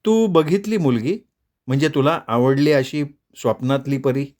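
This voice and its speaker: A man's voice: medium pitch, normal speed, a little mellow, close to an everyday voice. A man voicing a teasing young college woman. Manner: playful, teasing.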